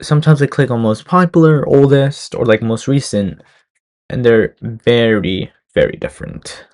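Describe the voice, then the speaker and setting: A man's voice: medium pitch, measured pace, a little mellow. A young man giving casual reaction commentary over a video, rambling with lots of fillers and restarts. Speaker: reaction streamer.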